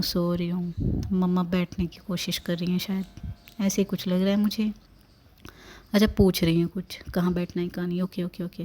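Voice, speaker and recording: A woman's voice: fairly low pitch, dark tone, close to an everyday voice. A woman voicing a sassy, complaining newborn baby girl, narrating a family vlog in a playful, teasing voice-over.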